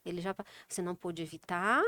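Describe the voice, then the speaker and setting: A woman's voice: fairly low pitch, fast, sharp tone, no echo. A woman with a Brazilian accent, a child sleep specialist, explaining in a practical way and acting out everyday scenes with children. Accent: Brazilian Portuguese. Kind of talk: casual interview talk.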